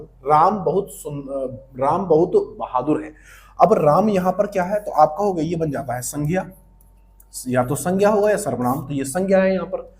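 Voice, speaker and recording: A man's voice: on the high side, a little mellow. A man teaching grammar for exam prep. He talks to the viewer in a friendly way, calling them his friend. He asks a question and answers it himself, and he repeats the key terms.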